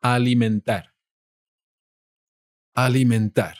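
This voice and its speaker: A man from Spain with a Spanish accent, teaching vocabulary in a slow lesson and saying each word twice. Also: medium pitch, steady tone, no room sound, clean studio sound.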